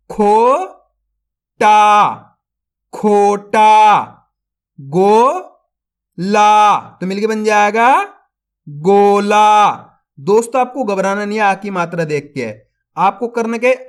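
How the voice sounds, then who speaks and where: A man teaching Hindi reading, sounding out syllables slowly and saying each joined word louder, then explaining more quickly to his viewers. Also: high-pitched. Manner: slow drawn-out syllables, louder when joining a word; speaks quicker and softer when explaining. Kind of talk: online reading lesson.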